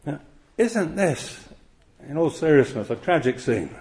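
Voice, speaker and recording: A man's voice: a little high, big pitch swings, unhurried, darkish tone. A man preaching an expository sermon, earnest and full of rhetorical questions.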